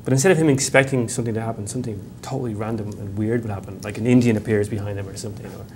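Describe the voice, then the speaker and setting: A man who directs the show, joining a studio discussion with eager, fast agreement. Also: fairly low pitch, a little mellow, slight background noise. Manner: eager, quick agreeing interjections. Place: TV studio set.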